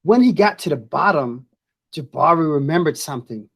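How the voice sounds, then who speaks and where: Female storybook reader, slightly low register, very expressive swings, unhurried and deliberate. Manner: expressive, deliberate, pauses to comment to viewers. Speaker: educator reading aloud. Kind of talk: children's storybook read-aloud.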